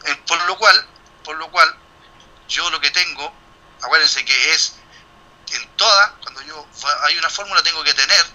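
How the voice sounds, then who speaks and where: A middle-aged lecturer with a very bright, slightly high voice walks his class through a calculation. He thinks aloud, stumbles and restarts, and throws in questions to the room before he answers them himself. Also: moderate pace, pauses often, rough recording. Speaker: university lecturer. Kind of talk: classroom explanation.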